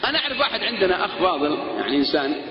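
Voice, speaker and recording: Animated high-voiced preacher in an echoey hall. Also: male voice, rapid-fire, a loud crowd, very noisy. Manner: animated, jokey storytelling, acting out voices. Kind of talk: humorous lecture with acted anecdotes. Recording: echoey hall, dull lo-fi sound.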